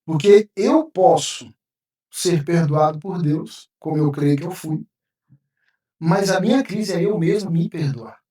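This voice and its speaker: A man's voice: on the high side, measured pace, dark tone. Male pastor, heartfelt storyteller, recorded from a distance in a live room. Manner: emotional, vivid storytelling, acting out his own past words. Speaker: pastor, podcast guest. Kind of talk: personal testimony in a podcast interview. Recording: roomy sound, mic at a distance.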